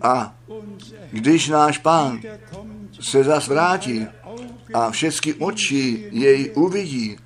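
A man preaching a sermon to his congregation, reading scripture verses slowly and solemnly. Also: mid-range voice, expressive.

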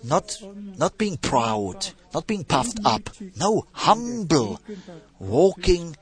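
Slow, emphatic male preacher. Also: on the high side, sing-song, a crowd in the background. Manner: slow, emphatic, repeats phrases, stresses scripture. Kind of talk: sermon.

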